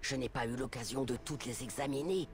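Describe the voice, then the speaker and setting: A woman's voice: a bass voice, a little fast, a little hiss or hum. Shrewd, secretive woman scholar. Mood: intrigued, cautious. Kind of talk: video game drama acting.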